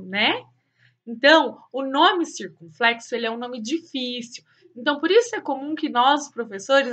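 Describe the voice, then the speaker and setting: A woman with a Brazilian Portuguese accent, teaching a cheerful remote class and saying example words slowly and loudly. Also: fairly high pitch. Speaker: schoolteacher.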